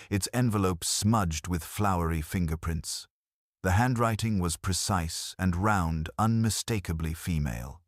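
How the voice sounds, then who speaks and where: Deep, dry male audiobook narrator. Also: no room sound. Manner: calm, measured reading.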